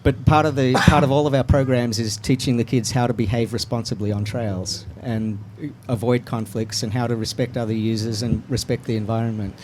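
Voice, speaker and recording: A man's voice: medium pitch, a little fast, few pauses, a little hiss or hum. Man explaining trail access on talk radio. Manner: steady, explanatory, with frequent restarts. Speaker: mountain bike advocacy guest. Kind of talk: radio talk show interview.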